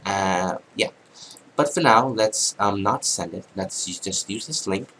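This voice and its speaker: A man with a cold, hoarse and congested, talking through a screen-recorded software tutorial in a casual, halting way with many ums. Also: on the low side, a little hiss or hum, rough recording. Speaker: tutorial narrator.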